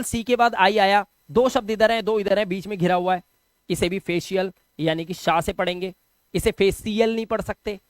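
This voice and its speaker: A man's voice: high voice, a bit bright, dry recording. A man teaching English pronunciation rules step by step, repeating key sounds and quizzing the viewer as he goes. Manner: patient, step-by-step explanations. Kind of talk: classroom-style lesson.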